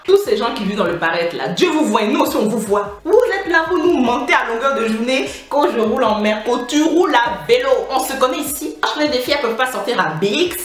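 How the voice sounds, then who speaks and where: Sassy woman telling a storytime, animated pitch. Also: fast, few pauses, roomy sound. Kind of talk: casual storytime monologue.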